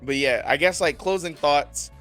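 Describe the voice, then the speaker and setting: A man's voice: fairly high pitch, normal speed, fairly bright tone, faint music behind. A man co-hosting an anime podcast, laid-back and laughing often, with casual swearing. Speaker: podcast co-host. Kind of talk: casual chat.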